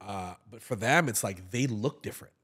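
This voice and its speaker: This thirtysomething actor-comedian, appearing as a podcast guest, speaks at a moderate pace in a husky voice. It's a casual interview chat recorded on a studio boom mic, and he's animated and gestures a lot, with frequent repeated words and false starts.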